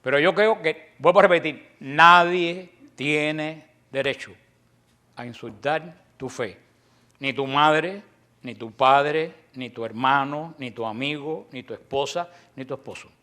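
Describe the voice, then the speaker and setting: A Cuban man with a fairly high voice and a Cuban Spanish accent lectures an apologetics class. He is emphatic, slows and lets key phrases trail off softly, and acts out quoted exchanges in his stories.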